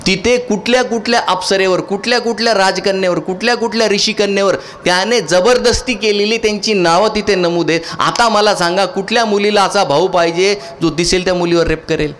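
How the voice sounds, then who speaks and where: A man's voice: high voice, fairly even intonation, fairly quick, hardly any pauses, a bit bright, slight background noise. A man speaking to a live audience, often asking a question and answering it himself. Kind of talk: lecture to an audience.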